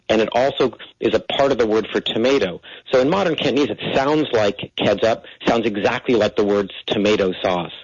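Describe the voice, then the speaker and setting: A man's voice: mid-range voice, no room sound. A middle-aged American man, a linguist guest on a radio interview, explaining with enthusiasm and frequent restarts. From United States. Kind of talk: interview conversation. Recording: muffled radio broadcast.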